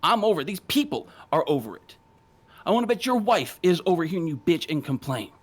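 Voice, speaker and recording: A man's voice: on the high side, sing-song, a little fast. A man cutting a confrontational wrestling promo, taunting and swearing. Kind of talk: in-ring promo argument.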